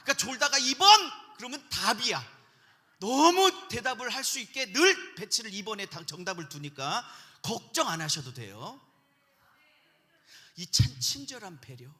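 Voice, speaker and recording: A man's voice: high-pitched, very animated, normal speed, pushed and bright, in a large hall. A man preaching a sermon-style lecture at a pastors' seminar in a large church, leading call-and-response with the congregation on a handheld microphone.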